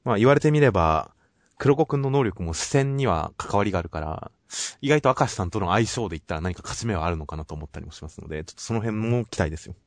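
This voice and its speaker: Low-voiced man calmly recapping manga. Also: no room sound. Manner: measured, polite, summarizing plot. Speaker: podcast co-host reviewing manga. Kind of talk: casual chat.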